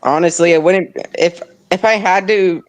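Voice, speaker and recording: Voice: mid-range voice, normal speed. A streamer chatting casually on a live stream, rambling with many restarts.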